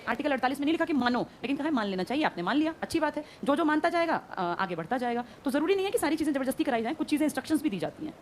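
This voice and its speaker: Brisk woman teacher, quick-fire quizzing, high-pitched and fast. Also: expressive, a little hiss or hum. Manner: brisk, quizzing students and answering herself. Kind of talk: classroom lecture. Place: classroom.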